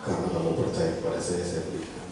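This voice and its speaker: A man playing a calm, commanding Christ figure in a church skit, speaking in a deep, solemn voice. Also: fast, a little hiss or hum, close to an everyday voice. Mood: solemn inviting. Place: church hall. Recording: echoey church hall from far off.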